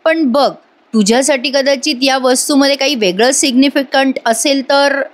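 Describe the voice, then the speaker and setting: A caring young husband, calmly puzzling things out for his wife, as a woman narrator voices him. The line comes high and slightly lifted, close to her own telling voice. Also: normal speed, natural voice. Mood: earnest. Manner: reassuring, thinking aloud.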